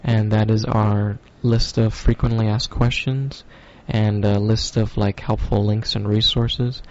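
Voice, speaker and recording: A man with a low, gravelly voice hosts his own stoner podcast, drifting through his thoughts with frequent ums and casual swearing. The recording sounds dull and lo-fi, like a home setup. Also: little pitch movement, unhurried. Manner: loose, rambling, profane, with many fillers. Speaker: podcast host.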